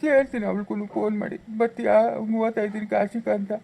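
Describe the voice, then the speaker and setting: A woman performs a village family drama skit, playing a guilty husband who pleads with and begs his wife for forgiveness in a rural Chikkaballapura Kannada accent. Her voice is medium-pitched, steady, gravelly and dark, and she talks fast.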